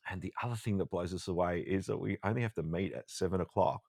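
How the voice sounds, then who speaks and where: Aussie guy podcasting, really low voice, dry close sound, chatty storyteller. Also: fast, vocal fry, breathy edge, no echo. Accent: Australian. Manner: chatty storyteller, animated and jokey. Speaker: podcast co-host. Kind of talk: casual chat.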